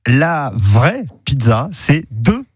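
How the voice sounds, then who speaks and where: A man's voice: medium pitch, very animated, extremely slow, slightly rough, no echo, clean studio sound. A man hosting a local morning radio show, chatting in a friendly way with a guest and a caller. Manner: friendly, chatty presenter with light laughs. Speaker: radio host.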